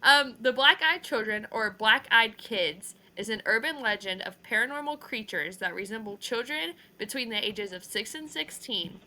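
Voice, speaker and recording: Bright, giggly young woman podcaster. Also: fairly high pitch, lively intonation, moderate pace, few pauses. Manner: giggly, says "like" and "ew" a lot. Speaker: podcast co-host. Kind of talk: casual chat.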